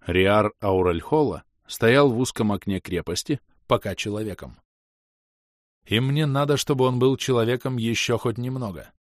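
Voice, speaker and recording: A man's voice: mid-range voice, normal speed, dry recording, studio quality. A man narrating a first-person fantasy audiobook in a tense, dramatic way.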